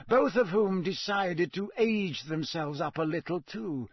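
A very old, wise headmaster speaks slowly in a gently amused, unhurried way, as a man voices him. The voice sits higher than the reader's own and has a husky grain. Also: no room sound, full character voice. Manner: slow, measured and amused.

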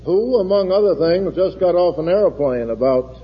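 American male forum chairman, formal and deliberate with dry humor, muffled 1960s recording with long hall reverb. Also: high voice, lively intonation, breathy edge. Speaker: forum chairman introducing a speaker. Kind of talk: formal public introduction. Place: large lecture hall.

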